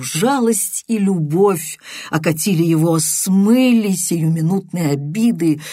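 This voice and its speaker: An audiobook reader narrating a novel in a measured, dramatic way. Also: mid-range voice, a little mellow, slightly rough, dry recording, clean studio sound.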